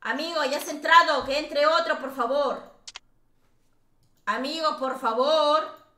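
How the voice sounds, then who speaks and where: A woman's voice: sits high, unhurried, pushed and bright, echoey room. A woman hosting a casual game live stream, chatty and teasing, laughing often.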